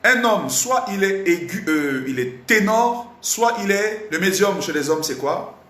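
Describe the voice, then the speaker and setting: A slightly hoarse man teaching a live online singing lesson, animated and repetitive, often stopping to quiz his audience. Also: high-pitched, measured pace. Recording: roomy echo, faint background noise.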